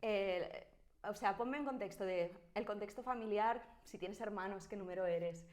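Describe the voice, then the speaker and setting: A woman's voice: mid-range voice, a little mellow. Chatty woman hosting a podcast. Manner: chatty, quick interjections and backchannels. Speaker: podcast host. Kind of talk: casual interview chat.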